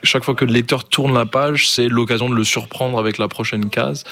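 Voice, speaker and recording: A man's voice: mid-range voice, steady tone, a little fast, sharp tone. A man who grew up in Ghana, a manga artist fluently explaining his work in an interview. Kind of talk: interview answers.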